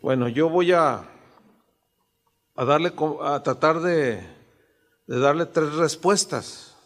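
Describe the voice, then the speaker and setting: Mexican pastor preaching in an echoing hall. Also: male voice, a little high, slow pace. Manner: conversational preaching with rhetorical questions. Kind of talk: sermon. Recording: long hall reverb.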